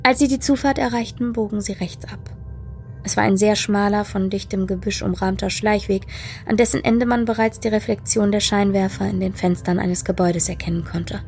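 A woman reads a story aloud in a steady, measured way, her voice mid-pitched with a gravelly, creaky grain. Soft music plays faintly underneath the narration. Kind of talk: storybook reading.

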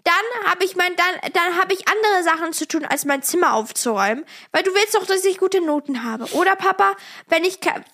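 High-voiced young woman, teasing chatter. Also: a little fast, few pauses. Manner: lively, teasing, hesitant restarts. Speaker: podcast co-host, daughter. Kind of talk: casual family chat.

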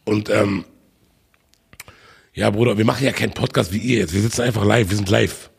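A man's voice: fairly low pitch, steady tone, brisk, vocal fry, breathy edge. A man guesting on a podcast, chatting casually and joking boisterously with a lot of laughter.

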